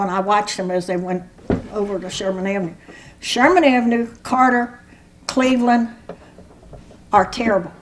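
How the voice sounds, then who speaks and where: A woman's voice: fairly high pitch, a little hiss or hum, poor audio. Older woman with a rambling complaint. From Norwood, Ohio. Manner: rambling, aggrieved, halting with restarts. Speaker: resident speaking at public comment. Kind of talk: public comment at a council meeting.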